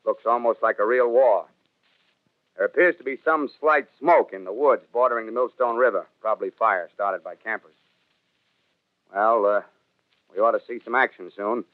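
A man's voice: medium pitch, dry recording. A man playing a confident army captain giving a formal field report over the radio in a 1930s radio drama. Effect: radio transmission. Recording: thin, tinny field radio transmission.

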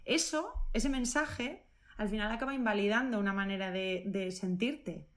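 A woman speaks as a nutritionist in a relaxed interview. She sounds eager and talks her ideas through, restarting her sentences and leaning on small fillers as she goes. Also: medium pitch, normal speed. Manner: enthusiastic, thinks aloud, rephrases with many fillers. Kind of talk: casual interview answers.

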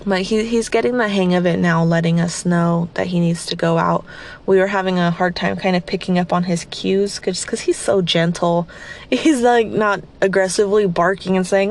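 Early in the morning at home, a woman hosting a podcast talks listeners through a relaxed guided cleaning session. Her low-ish, darkish voice is a bit raspy from having just woken up, and she rambles chattily, poking fun at herself.

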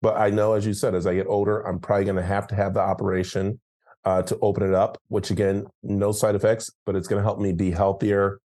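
Man, podcast host, middle-aged, chatty, giggly, low voice. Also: flat delivery, fast, warm tone. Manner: chatty, giggly, lots of restarts. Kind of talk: casual health interview.

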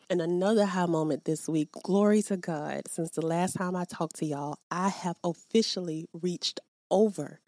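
Chatting about faith and praying aloud, an upbeat podcast host speaks directly to her audience. Her voice is lowish and mellow, and the podcast-microphone recording is dry.

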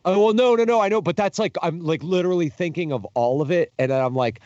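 A man's voice: a little high, fast talker, a little mellow, dry recording, highs cut off. A young man in casual chat, telling tour stories in a rambling, profane way with lots of fillers and restarts. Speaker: podcast guest, touring musician.

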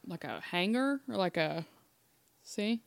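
A woman's voice: medium pitch, expressive, takes it slowly, gravelly, dry recording, clean studio sound. A woman with a Southern US accent hosting a podcast, chatting playfully and laughing often. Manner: laughing, playful, uses "literally" and "like" a lot. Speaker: podcast host. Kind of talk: casual podcast chat.

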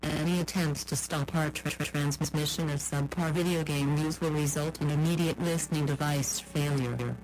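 An actor playing an invading machine overlord in a comedy ad, his voice run through a deep robot filter. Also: steady tone, normal speed, few pauses, darkish tone, a little hiss or hum, rough recording. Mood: menacing. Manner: menacing mock announcement. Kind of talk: comedy podcast ad.

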